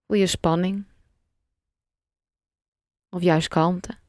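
Here a woman's somewhat low voice leads a meditation with gentleness and calm, short phrases separated by long silences. Captured close and dry, the audio has barely any room sound and no echo.

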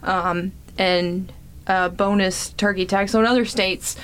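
A woman's voice: medium pitch, steady tone, unhurried, fairly bright tone, clear, resonant tone. A woman guest in a casual interview, explaining programs in a friendly way with frequent ums. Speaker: foundation representative, guest.

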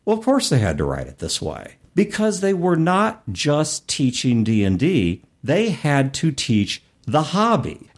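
Talking about tabletop gaming in a conversational, emphatic way, a middle-aged male podcast host often lists words individually for effect. He speaks a little high at a measured pace, with huge pitch swings and hardly any pauses.

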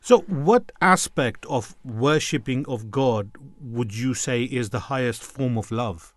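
A man's voice: medium pitch, expressive, slow, no echo. A man hosting a radio talk show who interviews his guests courteously and formally, often restarting his phrases.

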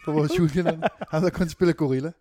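A man's voice: on the high side, mellow. Joking Danish man, short replies. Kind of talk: casual podcast chat.

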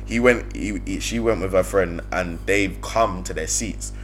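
A man's voice: deep voice, a little slow. A young man with a London roadman accent and heavy slang, in casual banter with friends. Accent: London, urban slang. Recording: music playing behind the voice.

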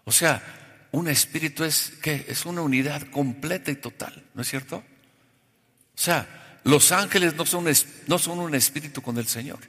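A man preaching a sermon in a church. He asks the congregation questions, has them call back the answers, and swings from soft to loud. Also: a little high, unhurried. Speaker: pastor. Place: church hall. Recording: long reverb of a large hall.

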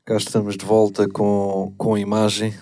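A man's voice: on the low side, monotone, moderate pace, mellow, faint music behind. A man chatting casually as a podcast host, informal and slangy, often hesitant. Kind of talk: casual chat.

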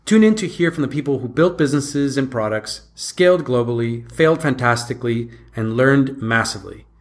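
A man's voice: medium pitch, expressive, a little fast, echoey room. A man hosting a tech interview podcast, chatty and friendly, often repeating words as he gathers his thoughts. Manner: conversational, repeats words when thinking. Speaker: podcast host.

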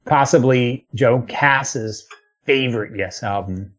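A man's voice: mid-range voice, slow, lo-fi sound. A man hosting a podcast in a casual chat, rattling off long lists of albums with fillers and the odd swear word. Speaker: podcast host.

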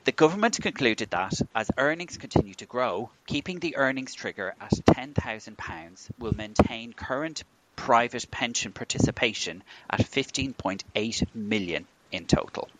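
A man co-hosting a podcast, giving a steady, formal scripted summary of pension news. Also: medium pitch, normal speed, very noisy. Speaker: podcast co-host.

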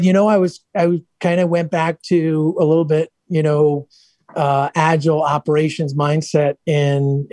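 A middle-aged man in a relaxed interview, chatty and upbeat as he tells stories, often restarting his sentences. His voice sits a little high for a man, and the sound is close and dry with no room echo. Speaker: guest, software entrepreneur. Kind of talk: casual interview storytelling.

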